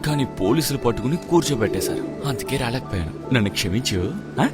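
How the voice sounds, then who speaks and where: A man's voice: mid-range voice, expressive, fast, loud music behind the voice, close to an everyday voice. An actor playing a joking, easygoing young man in dubbed film dialogue. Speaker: friend and son-in-law.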